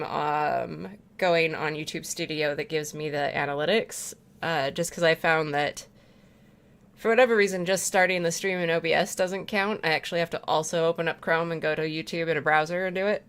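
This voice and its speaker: Woman streaming a game, rambly chatty talk, swears a lot, lowish voice. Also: fairly even intonation, moderate pace, a bit bright, clean tone. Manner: rambling, chatty, swears freely, laughs often. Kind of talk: casual chat while gaming.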